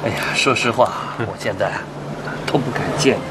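An actor playing a remorseful middle-aged uncle, sheepish and apologetic, in a TV drama. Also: male voice, lowish voice, a little fast, natural voice. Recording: background noise.

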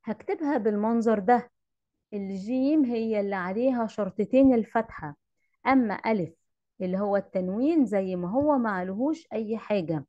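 A woman's voice: mid-range voice, fairly quick, highs cut off. A woman teacher with an Egyptian accent, giving an online lesson, patiently repeating rules and quizzing her pupils. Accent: Egyptian Arabic. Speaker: Arabic teacher. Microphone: computer mic in an online class.

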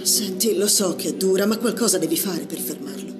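A woman's voice: lowish voice, a little fast, over music, close to an everyday voice. Actress as an insistent, concerned woman friend. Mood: urging. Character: insistent, concerned female friend urging action. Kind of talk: naturalistic film drama.

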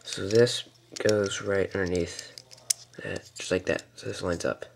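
At a table indoors, a toy-building tutorial maker with a deep, creaky voice walks through a build in a casual, step-by-step way. His delivery is easygoing yet halting, peppered with fillers and soft mutters, over a faint hiss or hum.

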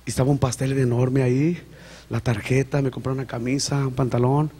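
A man giving an emotional church testimony in a sanctuary. His fervent delivery swings from hushed tones to shouting, and he keeps calling out to the congregation as brothers. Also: mid-range voice, flat delivery, fairly quick, husky.

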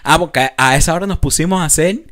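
Young cuban guy w havana accent, bit high voice, spinning wild party stories in slang. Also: fast talker. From Cuba. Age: young adult. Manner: animated anecdotes with frequent laughter and street slang. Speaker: podcast co-host. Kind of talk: casual chat, storytelling.

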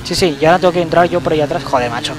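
A young man, giving loose, excitable let's-play commentary and swearing at the game. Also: on the high side, racing. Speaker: gaming channel host.

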